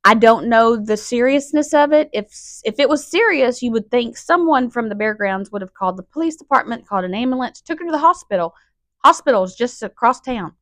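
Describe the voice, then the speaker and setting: A woman, hosting a personal podcast in a raw, emotional monologue full of halting restarts. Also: a little high, lively intonation, fairly bright tone, dry recording. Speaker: podcast host.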